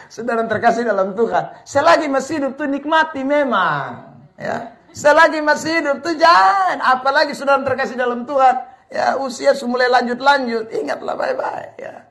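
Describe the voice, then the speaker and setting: Very high-voiced, emphatic Kupang-accented preacher. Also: male voice, animated, moderate pace. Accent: Kupang Malay. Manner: emphatic preaching, often rising to a shout; keeps repeating a fond address to the congregation. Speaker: pastor. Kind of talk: sermon.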